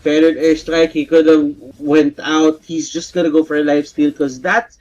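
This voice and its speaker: A man doing live play-by-play commentary on an esports match, shouting high and excited in big plays. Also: moderate pace, highs cut off. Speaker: esports caster.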